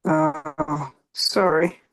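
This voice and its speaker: A woman who is a student in an online trading class. She speaks softly and comes across as a little shy. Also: sits high, very animated, extremely slow, vocal fry. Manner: soft-spoken and a little shy. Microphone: video call.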